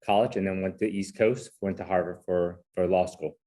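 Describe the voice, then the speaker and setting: A man who grew up in Hong Kong and San Francisco, speaking as an interview guest in a relaxed, self-deprecating way and often tagging his points with "right?". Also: deep voice, normal speed. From Hong Kong, raised in San Francisco. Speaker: guest, corporate chief legal officer. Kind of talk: casual interview conversation.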